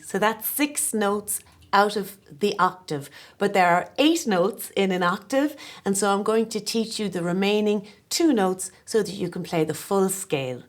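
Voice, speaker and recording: A woman in her forties with a Kerry Irish accent, giving a gentle, encouraging, step-by-step tin whistle lesson. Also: mid-range voice. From Ireland (West Kerry).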